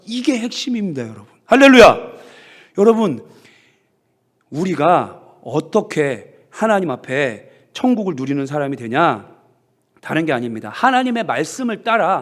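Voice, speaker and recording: Animated pastor preaching a sermon. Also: male voice, high voice. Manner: animated storytelling with shouted hallelujahs. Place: church sanctuary.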